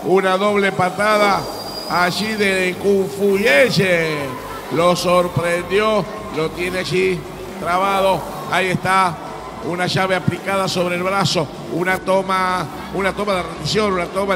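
A man with an Argentine accent giving excited, emphatic play-by-play wrestling commentary, repeating words for effect. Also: high-pitched, unhurried, noisy background. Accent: Argentine Spanish.

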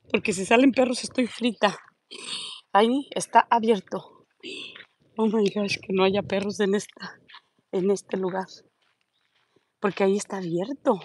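A woman chatting casually into her phone while she walks outdoors, and she coos in a high voice at the dogs she passes. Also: a little mellow, a little hiss or hum. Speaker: vlogger. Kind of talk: casual walking vlog. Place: outdoors on a neighborhood street. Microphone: phone held while walking.

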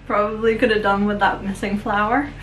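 A middle-aged woman vlogging from her home kitchen, self-deprecating and halting, full of ums, filmed on a phone. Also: medium pitch, little pitch movement, a bit bright, reverberant, a little hiss or hum. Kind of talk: casual kitchen vlog. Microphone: phone camera.

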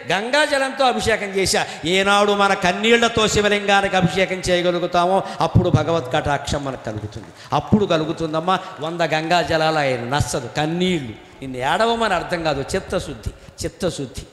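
Lively high-voiced man giving a discourse in a hall. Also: moderate pace, few pauses. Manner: animated, teasing, chants Sanskrit verses. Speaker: spiritual lecturer. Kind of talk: Telugu religious discourse. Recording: echoey hall.

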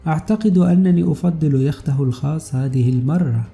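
A man voicing a calm, fearless male intelligence officer in an audiobook story, speaking with quiet, sardonic confidence. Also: fairly high pitch, fairly quick, gravelly, faint music behind. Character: calm, fearless male spy hero, mocking.

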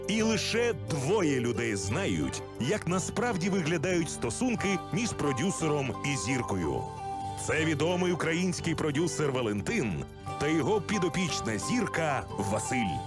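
A man's voice: a little high, sing-song, measured pace. A man reading a scripted comedy voice-over in a mock-serious announcer manner. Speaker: narrator. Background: loud music.

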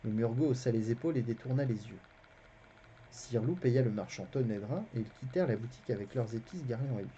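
A streamer narrating a fantasy novel aloud on a live stream, in an animated, expressive telling. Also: medium pitch, fairly quick, a little hiss or hum. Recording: dull, lo-fi stream audio.

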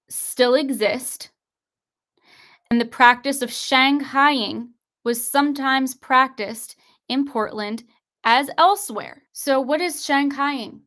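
A young woman talks into her webcam from her desk, reading articles to her live viewers and pressing them with insistent rhetorical questions. Her voice sits a little high. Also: fairly bright tone. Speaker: online show host. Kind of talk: conspiracy commentary livestream. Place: indoors at a desk, screen-sharing.

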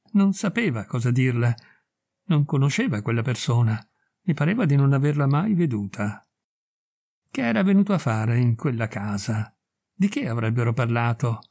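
A man reading a classic short story aloud in measured, expressive narration. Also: medium pitch, creaky. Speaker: audiobook reader. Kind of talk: scripted literary narration.

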